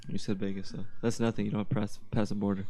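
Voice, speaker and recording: A man's voice: lowish voice, flat delivery, rapid-fire, warm tone. A man with an American accent trading blunt, slangy, profane frat-bro banter in a casual chat with friends.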